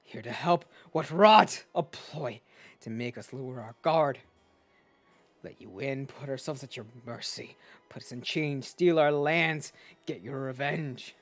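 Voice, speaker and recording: A man's voice: medium pitch, a little slow, soft background music. A man voicing a bitter, suspicious male villager who scornfully accuses outsiders.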